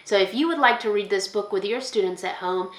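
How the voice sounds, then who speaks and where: A school librarian, a woman, reads a children's picture book aloud with expression and pauses to ask her young listeners questions. Her voice is mid-range, and the sound is roomy.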